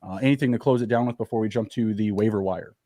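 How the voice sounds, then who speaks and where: Fast-talking man on a dry podcast mic. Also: fairly low pitch, warm tone, no echo. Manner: quick, upbeat, stat-heavy talk with fillers. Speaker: podcast co-host. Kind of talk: fantasy football podcast chat.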